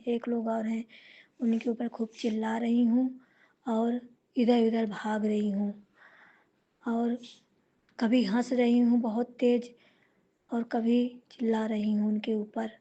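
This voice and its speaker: A woman sharing a devotional testimony, speaking slowly and reverently and chanting mantras. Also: a little high, dark tone, dull audio.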